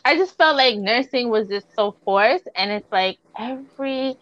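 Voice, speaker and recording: A woman with a fairly high voice hosts a podcast on slightly dull, lo-fi audio. She talks casually and informally, with plenty of slang and swearing. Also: expressive, measured pace, a bit bright, no echo. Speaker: podcast host. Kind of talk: casual chat.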